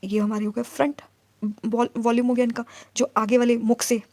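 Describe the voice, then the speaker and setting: A woman teaching an exam-prep grammar lesson, putting questions to the class and answering them herself, and reciting letter sounds in slow lists. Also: fairly high pitch, little pitch movement, darkish tone, dry recording.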